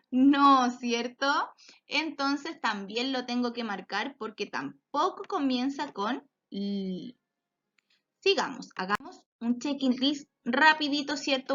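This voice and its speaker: Slow, high-voiced woman teaching children. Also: fairly bright tone. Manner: slow, drawn-out words for children, encouraging praise. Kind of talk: children's phonics lesson. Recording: dull lo-fi sound.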